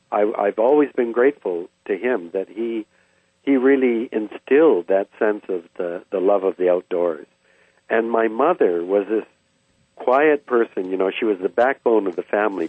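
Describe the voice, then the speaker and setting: An older man from Canada, thoughtfully reminiscing about his childhood with frequent pauses and hesitations. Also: on the low side, husky, no echo. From Vancouver, Canada. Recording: dry, tinny phone-like sound.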